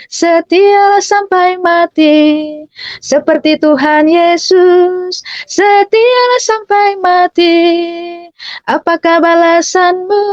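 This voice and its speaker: A woman's voice: high voice, no room sound. A woman telling her personal faith testimony in a chatty way, tagging phrases with a casual filler and calling her listeners dear brothers and sisters. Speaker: testimony speaker. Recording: dull, muffled dry recording.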